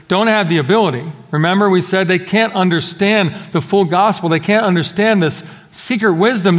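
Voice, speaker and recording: A middle-aged man preaching a sermon as a pastor, earnest and emphatic, his voice slightly muffled by a face mask. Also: on the high side. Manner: earnest, emphatic, swinging between raised exhortation and quieter explanation. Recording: long hall reverb of a live service.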